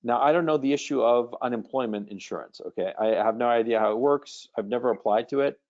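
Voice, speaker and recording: A man's voice: mid-range voice, fast talker, a little mellow. Blunt, casual man coaching callers in a live webinar, slightly lo-fi sound. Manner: blunt, casual, swears freely.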